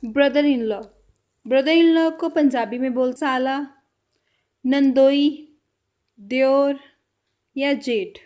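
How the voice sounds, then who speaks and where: Slow, high-voiced woman teaching words. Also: darkish tone. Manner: repeats each word slowly and carefully. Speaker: language teacher. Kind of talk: slow vocabulary lesson.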